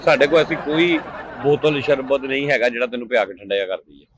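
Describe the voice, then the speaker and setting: A man playing a grumpy peanut seller in a comedy sketch, bickering loudly and shooing a customer away. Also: mid-range voice, steady tone, fast talker, a faint crowd, slight background noise, low-quality recording.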